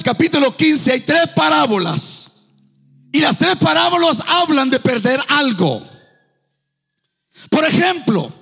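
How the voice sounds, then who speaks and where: Fervent high-pitched man preaching. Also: creaky, big-room sound. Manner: fervent, half-sung delivery with shouted peaks. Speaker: pastor. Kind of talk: preaching a sermon. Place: church sanctuary.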